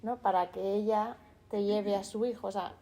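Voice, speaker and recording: A woman's voice: mid-range voice, fairly even intonation, moderate pace, mellow. A woman from the audience asking a hesitant, searching question, ending her phrases with tag questions. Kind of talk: questions in discussion.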